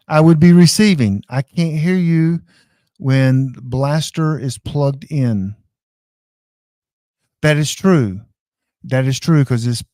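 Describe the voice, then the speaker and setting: An online class presenter demonstrates radio equipment indoors in a relaxed, folksy live tutorial, talking directly to viewers. He has a fairly high, slightly mellow voice, and the studio-quality recording has no echo.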